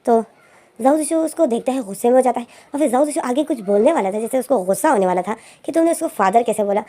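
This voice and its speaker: A woman's voice: a little high, expressive, fast talker, warm tone. A woman casually retelling a story, chaining her sentences with constant connecting fillers.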